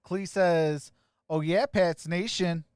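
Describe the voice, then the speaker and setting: A man's voice: sits high, slow pace, clear, resonant tone, dry recording. Upbeat man reading chat, dry mic. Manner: upbeat, greets viewers by name and gives shout-outs. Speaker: live stream host. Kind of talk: casual live chat reading viewer comments.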